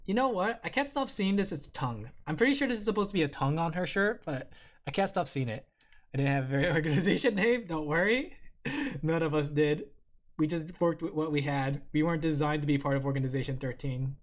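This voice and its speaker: A vtuber streamer with a mid-range voice chats fairly quickly and casually while drawing on a livestream. Giggling often, this streamer talks playfully with viewers in chat.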